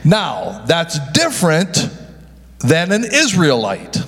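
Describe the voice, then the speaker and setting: With a fairly high, husky, slightly bright voice, a male pastor preaches slowly, his pitch swinging hugely. He engages the congregation in call-and-response while often stumbling and correcting himself. It's recorded in a church sanctuary with the long echo of a big hall.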